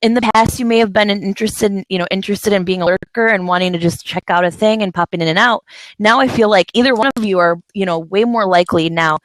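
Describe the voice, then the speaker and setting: Talking fast with no room sound and poor audio quality, this medium-pitched woman hosts a laid-back live video chat. She's from the San Francisco Bay Area, and her speech wanders, full of fillers and restarted sentences.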